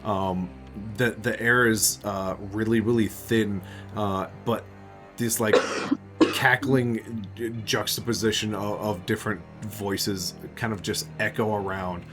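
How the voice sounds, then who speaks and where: A man narrating as game master in a tabletop game, relaxed with many filler words. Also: fairly low pitch, slow, music in the background. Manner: relaxed, full of ums and uhs.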